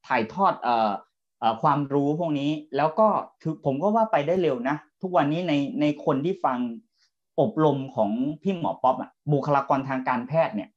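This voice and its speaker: A man's voice: a little high, expressive, normal speed. A man in a panel talk, speaking hesitantly and repeating words as he thinks. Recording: dull lo-fi remote audio.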